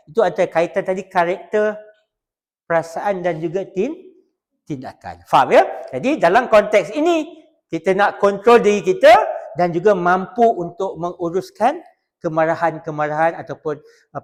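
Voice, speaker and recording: Animated Malaysian man teaching a class. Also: high-pitched. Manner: animated, joking, switches into acted customer voices. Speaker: customer service trainer. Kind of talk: classroom lecture with acted examples.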